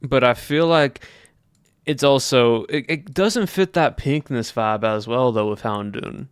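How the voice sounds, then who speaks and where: A man streams live and muses casually to viewers in an affected American Southern drawl. His voice is medium-pitched, animated, and unhurried, with a clear, resonant tone. The recording is dry and studio quality.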